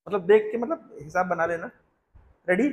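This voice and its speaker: Spiritual teacher, male, high-pitched voice, explains step by step and keeps questioning his listeners. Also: normal speed, darkish tone. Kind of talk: Hindi discourse with chanted Sanskrit verse.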